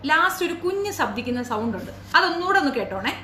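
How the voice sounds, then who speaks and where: A woman's voice: sits high, very animated, fast, background noise. A woman giving reaction commentary in a sarcastic, taunting way, firing rhetorical questions at the listener. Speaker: commentary YouTuber. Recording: roomy echo.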